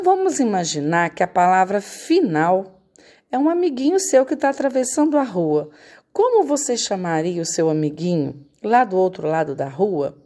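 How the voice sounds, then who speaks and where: Woman teacher going over homework, voice swoops up and down, checks in a lot. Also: on the low side. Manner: patient, lively teacher, checks in with "né?" and "certo?".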